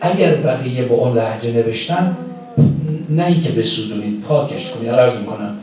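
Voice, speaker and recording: A man with a Persian accent delivers a religious lecture, laying out his points one by one and asking the audience rhetorical questions. His voice is dark and mellow. The recording catches him from a distance in a strongly echoing hall. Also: mid-range voice, animated. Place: community center hall. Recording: distant mic in a very echoey hall.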